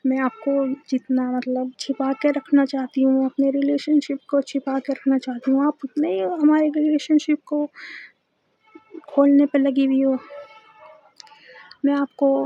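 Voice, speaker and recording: A woman voicing an emotional, possessive young woman who pleads and shouts with her partner. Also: high voice, no room sound, highs cut off. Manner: emotional, shouting then begging.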